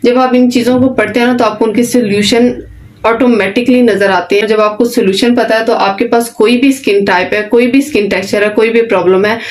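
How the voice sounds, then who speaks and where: A woman's voice: fairly high pitch, steady tone, a little fast. A woman teaching an online beautician course, giving plain, direct instructions and often checking in with "okay". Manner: repeats "ठीक है" often, plain simple explanations. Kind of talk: online class lecture.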